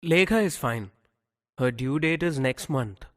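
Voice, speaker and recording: A man's voice: on the high side, lively intonation, unhurried, fairly bright tone. A man dubbing a cheerful, teasing husband and father in a film. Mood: breezy. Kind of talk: dubbed film dialogue.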